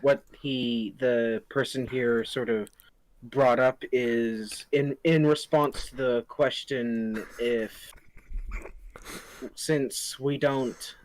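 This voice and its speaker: A man's voice: mid-range voice, steady tone, drawn-out words, rough recording. A man co-hosting a live stream, chatting casually and hesitantly with many ums.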